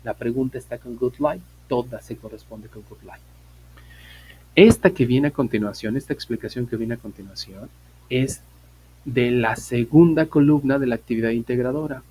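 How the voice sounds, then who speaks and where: Mellow-voiced teacher explaining patiently. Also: male voice, medium pitch, normal speed, breathy edge, rough recording. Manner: patient, repeats points, asks students questions. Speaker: online English teacher. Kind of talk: live online class explanation.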